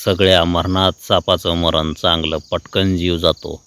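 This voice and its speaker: A man's voice: sits low, little pitch movement, a little slow, fairly bright tone, clear, resonant tone. A man voicing a bold village man who keeps a snake, speaking in rural dialect. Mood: matter-of-fact.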